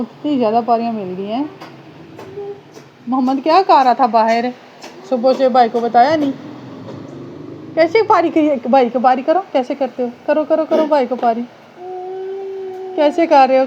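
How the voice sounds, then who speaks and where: At home with a fan running, a Pakistani mother coaxes her toddler in affectionate, repetitive baby talk for a casual home vlog. Her voice is high with a dark tone; the highs are cut off and there is slight background noise.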